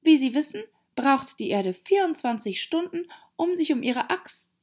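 A woman's voice: high-pitched, lively intonation, a little slow, darkish tone, pitched above the performer's own voice. A woman voicing a polite, somewhat timid little girl in an audiobook, courteous and eager to explain things. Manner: shy and polite, eager to show off knowledge. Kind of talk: audiobook character voice.

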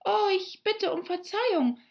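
A woman's voice: a little high, big pitch swings, measured pace, lo-fi sound, voice pushed up. A woman voicing an eager, polite young girl who chatters on apologetically.

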